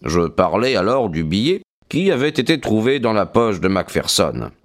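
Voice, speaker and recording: A man narrating a detective story as an audiobook, in an expressive, measured storytelling manner. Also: lowish voice. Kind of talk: dramatic audiobook reading.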